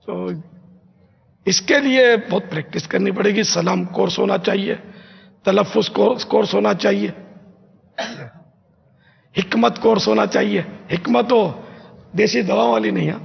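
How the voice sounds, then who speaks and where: An older man with a high, heavily gravelly, raspy voice teaches a gathering, emphatic and drilling phrases slowly. The sound is dull and lo-fi, with a long echo from a big hall. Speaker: religious scholar. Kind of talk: religious teaching talk to a gathering.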